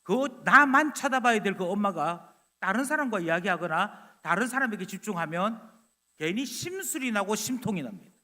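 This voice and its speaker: A pastor preaches with great energy, his voice pitched very high and swooping up and down as he acts out little scenes. The tone is bright and sharp, and it carries through a church sanctuary with a long reverb. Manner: animated, loud, acting out dialogue. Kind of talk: sermon.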